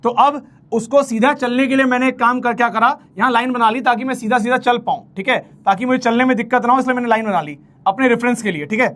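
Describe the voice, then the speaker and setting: Male tutor, pitched high, chatty and playful, counts aloud while drawing. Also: quick pace, a bit bright. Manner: chatty, playful, talks to students as "bhai". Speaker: teacher. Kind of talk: casual Hinglish math lecture.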